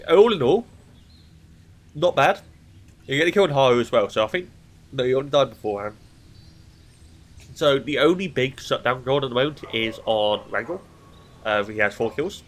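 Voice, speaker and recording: With slight background noise, a man with a medium-pitched, fairly bright voice talks through a recorded esports match on his own. His hay fever has blocked his nose, and his commentary is casual, analytical, and thought out loud.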